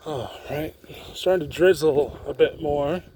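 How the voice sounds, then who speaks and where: A man's voice: fairly high pitch, a little slow, mellow. A young man chatting casually in an off-the-cuff, rambling walking vlog, recorded outdoors on a handheld phone. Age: young adult. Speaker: student vlogger. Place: outdoors on a campus street. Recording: faint outdoor street noise.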